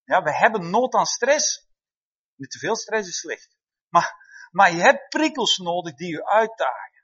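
Male pastor, higher voice, animated sermon style with frequent amens, dull lo-fi recording. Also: a little slow, slightly rough. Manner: lively, calls out "amen" and "hè?" to the congregation. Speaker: preacher. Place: church hall before a congregation. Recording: dull, slightly lo-fi sound.

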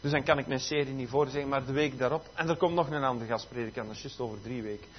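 A man's voice: mid-range voice, fast talker, a little hiss or hum. A man preaching a church sermon, emphatic and dotted with amen and halleluja. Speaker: pastor. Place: church service. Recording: dull lo-fi recording.

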